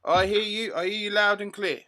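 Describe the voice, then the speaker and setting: A man's voice: sits high, steady tone, a little fast, pushed and bright. A man hosting an open mic live stream with playful, jokey, teasing banter.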